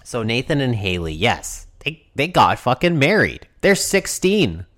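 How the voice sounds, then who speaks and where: A man with a mid-range voice co-hosts a podcast at a measured pace, keeping the casual chat profane, joking and animated with frequent swearing.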